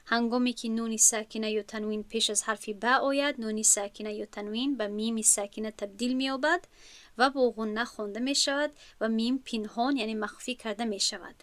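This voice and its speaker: A woman's voice: fairly high pitch, fairly even intonation, a bit bright, no room sound. A woman with a Tajik accent, teaching an online lesson on recitation rules and drawing out example words with care. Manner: slow, careful, drawn-out demonstration of words.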